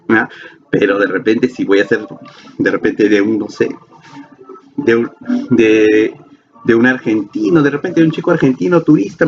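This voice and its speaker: Male teacher from Peru, playful, quizzes the class and answers himself; slightly muffled recording. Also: medium pitch. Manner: playful, asks questions and answers them himself. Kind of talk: classroom lecture video. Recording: slightly dull lo-fi sound with faint ambience.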